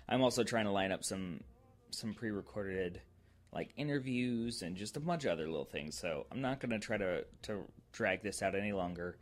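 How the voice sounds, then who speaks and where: Low-voiced man rambling through a podcast update. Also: animated, moderate pace. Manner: rambling, many ums and restarts. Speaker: podcast host. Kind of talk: casual solo podcast update.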